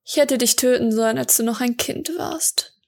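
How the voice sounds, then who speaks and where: A woman's voice: a little high, normal speed, vocal fry, a little mellow. A woman voicing a cruel old hunchbacked sorcerer. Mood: sneering.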